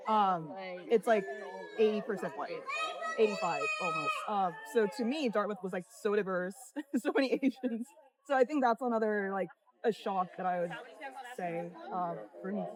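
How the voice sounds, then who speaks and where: A woman's voice: mid-range voice, moderate pace. A young woman in her twenties, born and raised in South Korea, chatting casually and thinking aloud with many ums, interviewed outdoors in the city. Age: 20s. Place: outdoors on a busy city street. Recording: crowded street noise behind. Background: crowd chatter.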